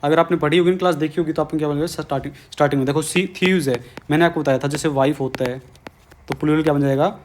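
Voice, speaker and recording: A man's voice: a little high, fairly even intonation, racing. A man with a Hindi accent teaches an exam-prep grammar lesson in a slightly raised voice. He coaxes students along and keeps asking the same question back. A faint hiss sits under the recording. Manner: coaxing, repeats questions to students.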